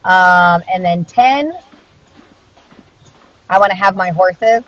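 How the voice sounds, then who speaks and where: A woman's voice: fairly low pitch, slow pace, a bit bright. A woman speaking as an interviewed dog trainer in a casual conversational style, earnest and reflective in an informal way. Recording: dull, muffled lo-fi audio.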